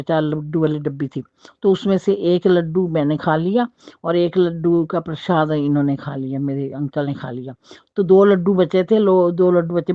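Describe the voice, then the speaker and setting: A woman's voice: lowish voice, no echo. An older woman telling a personal devotional story in a rambling, repetitive way, acting out what people said. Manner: rambling, repetitive, acts out quoted dialogue. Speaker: devotee sharing a personal experience. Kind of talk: casual spoken storytelling. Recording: dull lo-fi dry sound.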